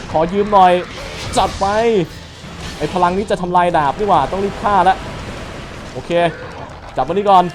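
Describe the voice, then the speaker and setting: A young man with a high, bright voice calls out a game as he plays, excitable and full of trash talk aimed at on-screen enemies. Loud game music plays behind him throughout. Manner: excitable, trash-talks enemies, frequent exclamations. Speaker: gaming channel host. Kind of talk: let's play commentary.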